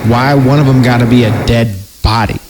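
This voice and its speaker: A man with a mid-range, steady voice reads horror stories on his podcast at normal speed, theatrical in delivery and punctuated by jokey asides. The background is noisy.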